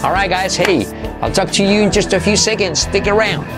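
A lively man teaching English in a casual, upbeat way, his voice sitting a bit high for a man. He switches between Spanish and English and repeats his examples slowly. Faint music plays softly behind him. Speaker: English teacher hosting a channel.

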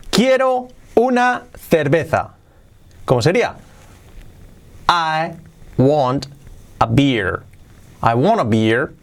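A man from teaching English to Spanish speakers, explaining step by step and repeating each phrase slowly. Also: fairly high pitch. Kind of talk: video lesson for Spanish speakers.

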